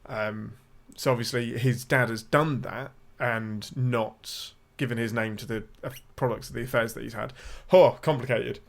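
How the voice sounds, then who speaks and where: An English man co-hosts a relaxed film-discussion podcast. He talks at a middle pitch, thinking aloud, hedging and correcting himself mid-sentence. His tone is casual and conversational. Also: normal speed, creaky, few pauses. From England. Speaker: podcast co-host.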